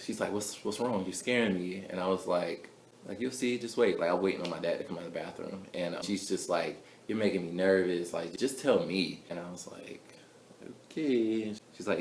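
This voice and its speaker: Low gravelly young man vlogging. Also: a little hiss or hum. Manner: chatty, full of "like" fillers, soft mumbles between louder bursts. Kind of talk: casual storytelling to camera. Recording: echoey room with faint ambience.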